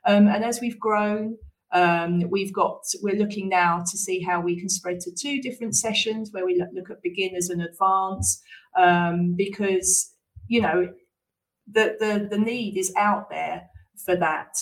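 A woman's voice: medium pitch, fairly even intonation, unhurried, far from the mic, rough recording. A woman in her thirties who founded a women's football club, speaking in an interview with lots of ums. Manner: warm, hesitant with many ums. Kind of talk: radio interview answer.

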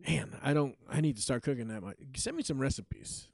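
A young man co-hosting a podcast, casual chat, teasing and incredulous, quick to argue back. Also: medium pitch, very animated, creaky, no room sound, clean studio sound. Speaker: podcast co-host.

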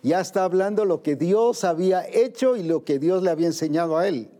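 A man's voice: sits high, expressive, a little fast, warm tone. A man preaching a sermon, asking questions and acting out the voices of worried believers.

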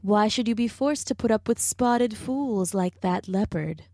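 A woman's voice: medium pitch, mellow, dry recording, studio quality. A woman voicing a sly scheming vulture. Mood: sly flattering. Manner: slow, whispering, wheedling. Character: wicked scheming male vulture, sly flatterer.

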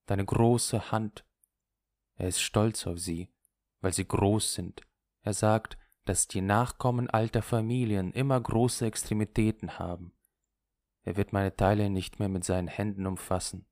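A male narrator reads literary prose in a low, measured voice. The recording is close-miked and bone dry, with no room around it. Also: a little mellow, no echo. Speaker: audiobook reader.

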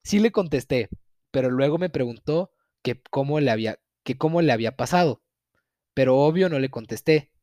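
A man's voice: mid-range voice, expressive, a little fast, dark tone, no echo, clean studio sound. A young man with a Mexican accent tells a viewer's story in a casual, profane, mock-outraged way, with frequent laughter.

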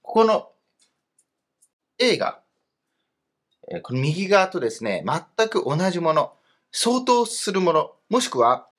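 Man with a lively, animated teaching voice. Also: fairly high pitch, measured pace, pauses often. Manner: explanatory, patient. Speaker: language teacher. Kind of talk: online grammar lesson.

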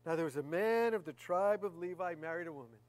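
A woman's voice: on the low side, quick pace, a little mellow, no room sound. A woman preaching a sermon in a conversational way, often repeating key phrases for emphasis.

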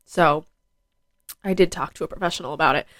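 The host is a fifteen-year-old girl chatting casually on her solo podcast at home, using plenty of fillers, with a microphone plugged into her phone. She talks fairly quickly in a deep, fairly bright voice made nasal by a head cold, with no echo.

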